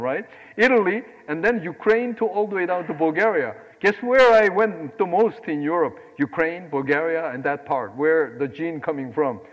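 High-voiced Korean-born man preaching in a hall. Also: dull audio. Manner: animated, swings between loud exclamations and quiet asides. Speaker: pastor. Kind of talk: sermon.

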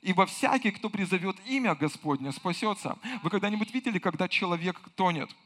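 Bright high-voiced man preaching with fervor. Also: expressive, a little fast. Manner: impassioned preaching, swinging from low murmurs to loud cries; repeats phrases for emphasis. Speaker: pastor. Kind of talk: sermon.

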